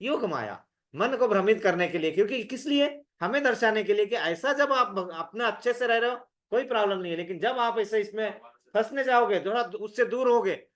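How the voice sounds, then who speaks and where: A man with a notably high-pitched voice leads a scripture study group. He talks in a loose, conversational way. He keeps quizzing his listeners and repeats words for emphasis. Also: expressive, brisk, fairly bright tone. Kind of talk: interactive scripture class.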